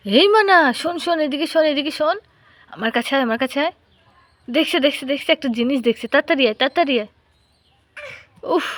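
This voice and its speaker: A woman's voice: high voice, fairly bright tone. A woman vlogging at home, coaxing and playfully talking to a small child in a sing-song way. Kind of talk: casual home vlog talk to a small child.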